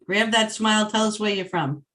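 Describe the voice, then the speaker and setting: A woman's voice: mid-range voice, moderate pace, a bit bright. A woman from Long Island, New York, hosting an online meetup over a video call and playfully walking the group through an icebreaker. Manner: playful, explains the game step by step. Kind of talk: casual group facilitation.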